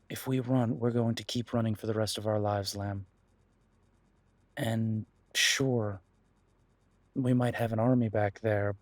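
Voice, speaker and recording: A fairly low-pitched man lightly acts the part of a protective, worried werewolf detective boyfriend for an intimate roleplay audio drama. He speaks softly and reassuringly, pausing hesitantly, and there's no room sound.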